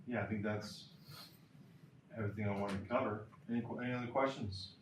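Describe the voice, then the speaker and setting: A man's voice: on the low side, steady tone, brisk, distant mic, noisy background. A man coaching throwers in a clinic lecture, emphatic and repeating key points, in a lecture hall. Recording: roomy lecture hall from afar.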